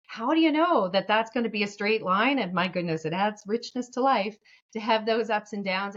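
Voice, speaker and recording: Female guest, earnest and reflective, mid-pitched, on a video call with slightly muffled audio. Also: a bit bright. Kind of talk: casual interview chat.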